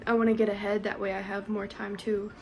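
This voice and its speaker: A woman's voice: medium pitch, flat delivery, a little fast, a little hiss or hum, poor audio. A young woman, a stay-at-home mom, chatting casually through her day's chores in a home vlog. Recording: music playing under the voice.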